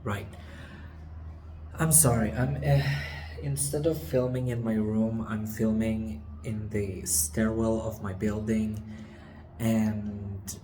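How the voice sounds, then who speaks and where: A man in his twenties talking casually and confessionally to camera, hesitant and halting, with trailing pauses, recorded in a stairwell. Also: on the low side, steady tone, music in the background. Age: 20s. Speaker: vlogger. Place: stairwell of an apartment building. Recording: echoey stairwell with background noise. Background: faint ambient building noise.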